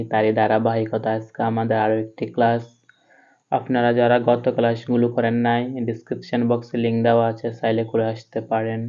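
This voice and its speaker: A man's voice: medium pitch, lo-fi sound. A man teaching Quran reading, spelling out each letter and vowel mark before chanting the words. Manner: spells out letters and vowel marks slowly, then chants the verse. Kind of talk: step-by-step spelling lesson.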